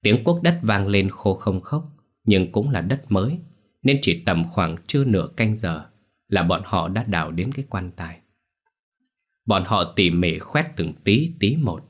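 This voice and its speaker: Deep-voiced man narrating a ghost story. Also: breathy edge.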